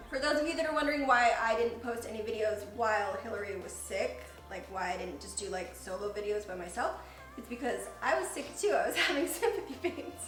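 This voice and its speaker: A woman's voice: fairly high pitch, brisk, a bit bright. A woman co-hosting a casual chat to camera, bubbly and joking, given to exclamations. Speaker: video creator, co-host. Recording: roomy echo, faint music behind.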